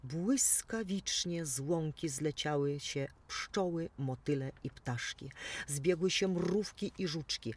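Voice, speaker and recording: Husky-voiced children's storyteller. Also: medium pitch, recorded from a distance.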